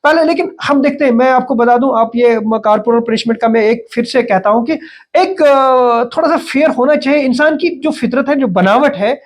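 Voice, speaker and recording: A middle-aged man as the education expert guest in a podcast interview, talking in a thoughtful way with many pauses, fillers and restarts. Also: extremely high pitch.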